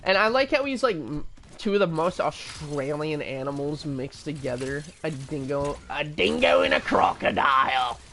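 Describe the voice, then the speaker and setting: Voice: mid-range voice, normal speed, fairly bright tone. A gaming streamer in casual live-stream commentary, rambling and chatty, drifting into tangents and restarts.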